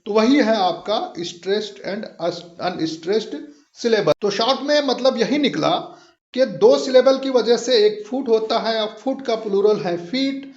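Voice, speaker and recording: A man with a high voice explains a literature lesson patiently, going over each point again and slowing down for key terms. The recording is roomy and echoing, with a dull, lo-fi sound. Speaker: English literature teacher.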